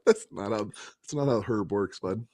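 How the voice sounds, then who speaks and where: A man's voice: fairly low pitch, normal speed, a little mellow, no echo, studio quality. A man co-hosting a casual podcast, teasing his friends and laughing often. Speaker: co-host.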